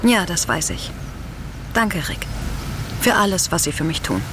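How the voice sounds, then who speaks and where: An actress playing a controlling, seductive woman in power in an audio drama, commanding and coaxing in a deliberate way. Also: fairly low pitch, sing-song, background noise. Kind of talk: German audio drama acting. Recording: music behind the voice.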